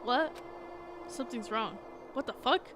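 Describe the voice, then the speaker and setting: Excitable young woman streamer. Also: on the high side, a little slow. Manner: excitable, swearing, reads game text aloud. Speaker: game streamer. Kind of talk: casual gaming commentary. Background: game music.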